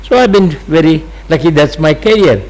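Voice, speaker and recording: This guest is a man in his eighties, a native Sindhi speaker with an Indian accent, sharing his life story in an interview. His voice is fairly high and expressive, his delivery halting with many fillers and gentle laughs, and the recording is of low quality.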